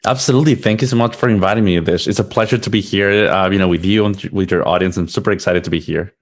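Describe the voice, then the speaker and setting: A man's voice: deep voice, fast. A man in his thirties from Mexico, a product manager answering interview questions in an earnest, upbeat way with fillers and restarts.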